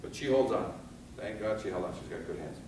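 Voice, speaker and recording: A man's voice: on the low side, expressive, fairly quick, warm tone. Echoey man lecturing from a distance. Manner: asks the audience questions and answers them; acts out scenes in different voices. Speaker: fire safety instructor. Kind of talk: live training talk to firefighters. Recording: echoey, from far off, with some background noise.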